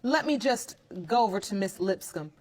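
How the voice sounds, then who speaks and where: A woman's voice: mid-range voice, animated, moderate pace. A woman presiding as judge on a courtroom show, firm and questioning.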